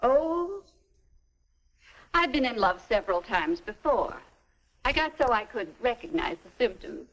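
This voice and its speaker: An actress playing a middle-aged, gentle and wise American mother in a stagy 1950s educational film, explaining things in a measured, tidy way. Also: on the high side, sing-song. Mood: fond, musing.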